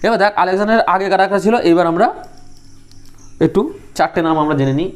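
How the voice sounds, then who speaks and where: A man's voice: sits high, quick pace, faint music behind. A young man teaching a group study lesson, drilling names and making students repeat them. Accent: Bengali.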